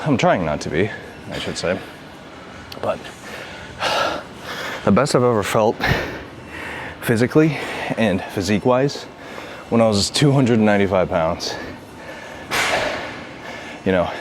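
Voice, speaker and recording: A man with a low voice talks loosely between lifts, wandering from thought to thought in a laid-back way. The sound is rough, with steady gym noise all around him. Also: measured pace, long pauses. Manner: rambling, laid-back, says "dude" often. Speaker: vlogger. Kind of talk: casual workout vlog chat. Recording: noisy gym ambience.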